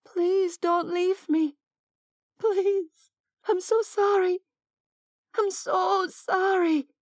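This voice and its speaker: A woman's voice: sits high, unhurried, dry recording, clean studio sound, voice pushed up. A woman voicing a female vampire who talks in a desperate, pleading way. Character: frantic young-seeming female vampire pleading.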